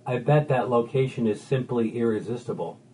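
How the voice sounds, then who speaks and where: A man's voice: medium pitch, moderate pace, warm tone, rough recording. A man co-hosting a comedic podcast, easygoing and a bit hesitant in his banter. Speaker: podcast co-host.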